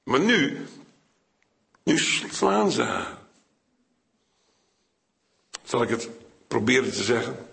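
An older man gives a sermon in a conversational, rambling way. His voice has a gravelly grain and a bright edge. The room around him rings with echo. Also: very animated, slow, pauses often. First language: Dutch. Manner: conversational, digressive, with sudden high-pitched acted quotes. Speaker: preacher. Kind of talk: Bible sermon.

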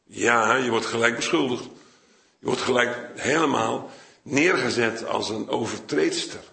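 An older man gives a sermon in a conversational, rambling way. His voice has a gravelly grain and a bright edge. The room around him rings with echo. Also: measured pace. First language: Dutch. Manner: conversational, digressive, with sudden high-pitched acted quotes. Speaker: preacher. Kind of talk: Bible sermon.

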